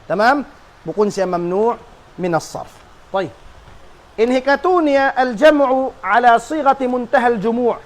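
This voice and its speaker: A man teaching an Arabic grammar class, drilling students with repeated questions and call-and-response. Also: extremely high pitch.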